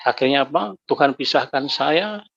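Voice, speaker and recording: A man telling his personal faith testimony, emotional, his voice climbing high when he recalls anger and grief. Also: animated, moderate pace, creaky, fairly bright tone, slightly rough. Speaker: guest giving a testimony. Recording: dull lo-fi recording.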